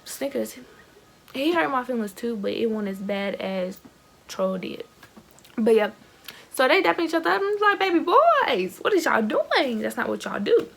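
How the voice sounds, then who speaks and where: A teenage girl telling a casual storytime vlog into her phone, chatty and animated, full of fillers and slang, talking to her viewers as y'all. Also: on the high side, vocal fry. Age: teens. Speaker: vlogger.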